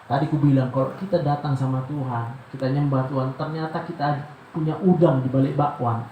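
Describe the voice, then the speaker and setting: A man, a doctor, giving a devotional sermon in an animated way, asking rhetorical questions and acting out prayers. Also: mid-range voice, a little fast. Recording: echoey room with loud background noise.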